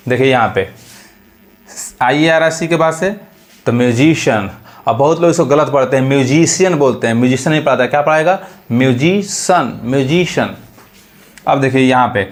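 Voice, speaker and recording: A man teaching English pronunciation, who explains step by step and asks and answers his own questions. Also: medium pitch. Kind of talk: pronunciation lesson.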